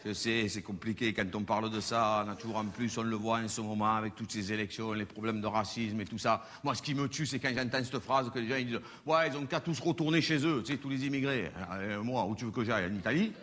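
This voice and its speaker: A man's voice: lowish voice, fairly even intonation, fast, hardly any pauses, fairly bright tone, slight background noise. A man doing stand-up, chatty and mock-serious on a live stage. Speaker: stand-up comedian. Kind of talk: stand-up comedy. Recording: live hall reverb, faint audience.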